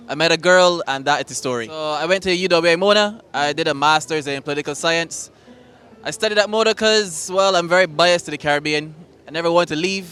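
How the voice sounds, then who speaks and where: Relaxed, clear-voiced man. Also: fairly high pitch. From Barbados. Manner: relaxed, joking, chatty. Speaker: concertgoer interviewed. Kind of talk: casual vox-pop chat. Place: outdoor concert in a garden.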